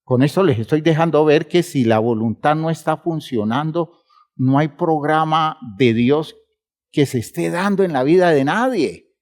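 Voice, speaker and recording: A man preaching a sermon, emphatic and measured, speaking to the congregation as brothers and stretching words for emphasis. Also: a little high, darkish tone.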